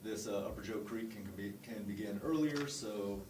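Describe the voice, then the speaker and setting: A man, a city budget official, explaining budget items formally at a public meeting with frequent hesitations. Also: lowish voice. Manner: measured, frequent uh fillers, formal. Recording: roomy council chamber, distant mic, background noise.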